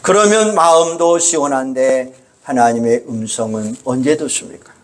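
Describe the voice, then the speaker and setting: A male pastor delivering a sermon in an earnest, measured way, often quoting scripture. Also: medium pitch. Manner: earnest, measured preaching with frequent scripture quotes.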